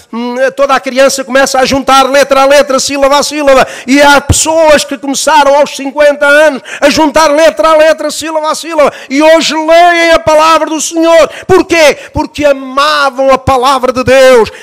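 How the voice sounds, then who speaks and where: A Portuguese-accented male pastor teaches a Bible-school session in a strikingly high voice. He speaks with sermon-like emphasis, swells at times toward shouting, and draws call-and-response "amens" from the room. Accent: European Portuguese. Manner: emphatic, rising to near-shouts, calls for "amen".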